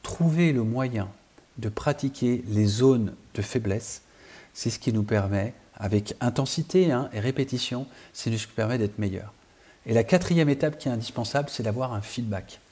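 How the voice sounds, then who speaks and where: A man teaching a training course with a mellow, warm tone and a slightly husky edge. He explains steadily, step by step, speaking straight to his learners the way a coach would. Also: mid-range voice, normal speed. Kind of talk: online training lesson.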